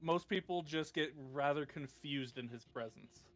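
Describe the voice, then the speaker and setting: A man narrating a tabletop game as game master, describing scenes in a relaxed way. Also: on the high side, moderate pace, faint music behind.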